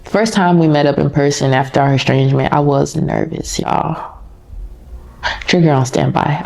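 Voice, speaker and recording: A woman's voice: a bass voice, gravelly, darkish tone. A woman podcast host telling a personal story in a candid, casual, conversational way, talking straight to her listeners.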